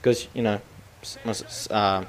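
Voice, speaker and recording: A man's voice: fairly low pitch, steady tone, moderate pace, noisy background. A young man giving casual, rambling commentary over his own gameplay, full of fillers. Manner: rambling, filler-heavy, chatty.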